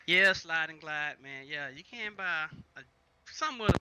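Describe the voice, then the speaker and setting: A man co-hosting a gaming livestream in casual chat over an online voice call, halting and slangy, his voice choppy and cutting out mid-sentence. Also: fairly high pitch, expressive, very noisy. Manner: halting, restarts often, slangy.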